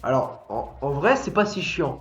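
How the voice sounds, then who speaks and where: A man's voice: a little high, big pitch swings, moderate pace, echoey room, soft background music. A young man with a cold and a stuffy nose, chatting casually while streaming a game, rambling and restarting his words. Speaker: gaming streamer.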